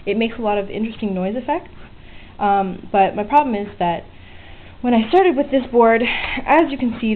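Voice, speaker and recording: Chatting casually in a mid-range voice, a woman presents her electronics project as a hobbyist vlogger in unscripted show-and-tell style, informal, self-deprecating and mildly sweary. The handheld camera's built-in mic gives tinny, band-limited, hissy sound. She's at a small home work area by an open window, with faint weather ambience from outside.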